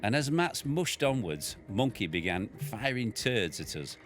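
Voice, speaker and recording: A man reads the family's tale in a dry storytelling manner, his voice very low and deep. Faint music runs underneath. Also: sing-song, measured pace, fairly bright tone. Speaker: farmer reading his book aloud. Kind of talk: reading a memoir aloud.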